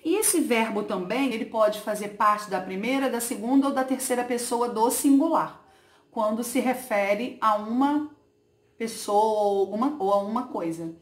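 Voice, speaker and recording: A woman teacher with a fairly high voice talks through a recorded lesson. She explains patiently and keeps checking that her pupils are following. The room around her is noticeably echoey. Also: normal speed. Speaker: schoolteacher.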